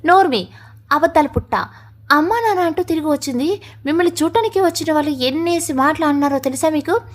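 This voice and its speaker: A woman's voice: high-pitched, quick pace, voice pushed up, natural voice. A woman voicing a stern, bitter middle-aged mother who scolds her daughter in a storybook reading. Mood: scolding.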